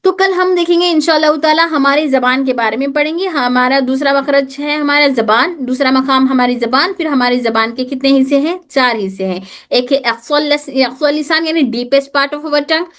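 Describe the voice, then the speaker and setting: A woman teaching an online tajweed class, explaining slowly, repeating sounds for students to copy and dropping English terms into her explanations. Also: sits high, a bit bright. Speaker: Quran recitation teacher.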